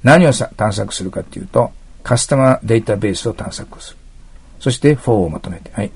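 Gravelly low-voiced man teaching English. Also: animated, a little fast, darkish tone. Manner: explains step by step, asks listeners to mark text. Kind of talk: exam prep lecture.

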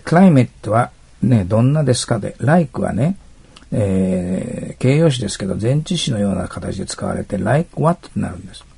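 Male English teacher, lecture style, deeply raspy voice, dark mellow tone, reads examples slowly. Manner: chatty asides, frequent rhetorical checks. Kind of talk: explanatory test-prep lecture.

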